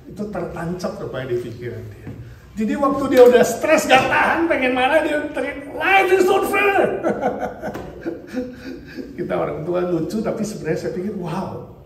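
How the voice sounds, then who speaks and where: A male pastor preaching a sermon in a lively way, asking the congregation questions and mixing in English phrases. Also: high-pitched, brisk, creaky. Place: church hall. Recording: distant mic in a very echoey church hall, faint noise.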